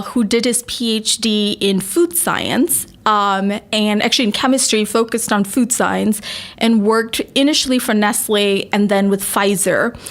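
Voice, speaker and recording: A woman from Malaysia, a company CEO, answering podcast interview questions in a thoughtful conversational way. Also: a little high.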